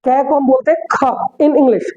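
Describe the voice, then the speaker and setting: A woman with an Indian accent teaching English pronunciation, who explains patiently and repeats words slowly. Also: sits high, steady tone, mellow, lo-fi sound. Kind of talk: pronunciation lesson mixing Hindi and English.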